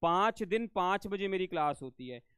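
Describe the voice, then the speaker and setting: A man teaches a live online exam-prep lesson in a high, smooth, resonant voice. He repeats key phrases and keeps quizzing his students, asking whether they understood. The sound is dry and close, with no room echo. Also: lively intonation, normal speed, fairly bright tone. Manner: addresses students as beta, asks if they understand.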